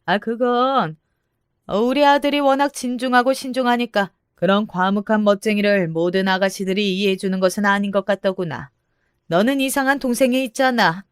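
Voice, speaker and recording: A woman's voice: medium pitch, clean tone, dry recording, studio quality, natural voice. A woman voicing a haughty, condescending middle-aged mother-in-law who lectures in a scornful tone.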